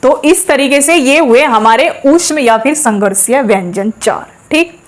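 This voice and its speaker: A woman teaches a class with a slightly high voice. She goes step by step, stops to ask questions and then answers them herself. She sounds out each letter slowly for the class to repeat. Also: expressive. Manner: says sounds aloud slowly for practice. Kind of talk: classroom lesson.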